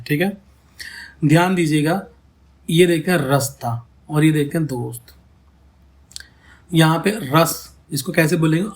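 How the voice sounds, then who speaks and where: A man teaching a lesson on counting syllables in ghazal poetry, explaining step by step and saying words over slowly to show how they sound. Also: a little high. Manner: checks in often with "theek hai" and "hai na".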